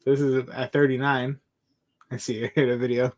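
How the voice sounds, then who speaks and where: A man's voice: medium pitch, level tone, moderate pace, a little mellow. Laid-back man in his forties hosting. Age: 40s. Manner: laughs often, reads out viewer comments. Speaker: stream host. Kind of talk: casual livestream chat.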